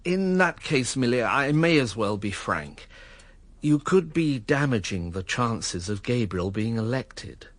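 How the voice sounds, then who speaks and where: In a radio drama, an actor plays a weary, cynical invalid gentleman narrating his own story in a dry, understated, measured and frank way. His mid-range voice is expressive and a little slow, with no room sound.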